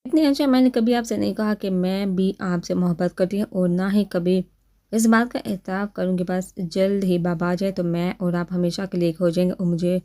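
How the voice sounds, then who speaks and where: A bashful young woman in love speaks hesitantly in an audio novel, as a female narrator voices her. Her voice is low and mellow, soft and unsure. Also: steady tone, lightly acted. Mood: shy.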